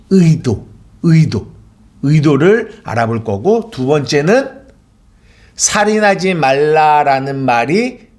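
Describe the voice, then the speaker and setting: A man preaching a sermon in a church, asking the congregation questions and answering them himself. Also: on the high side. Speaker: pastor.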